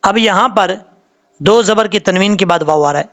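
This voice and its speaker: A man's voice: high voice, fairly bright tone. A man, a Quran tajweed teacher giving a patient, step-by-step recitation lesson and repeating each sound.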